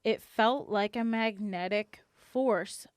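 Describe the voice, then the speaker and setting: Smooth-voiced woman chatting, halting and filler-heavy. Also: medium pitch, no room sound. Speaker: podcast co-host. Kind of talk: casual chat.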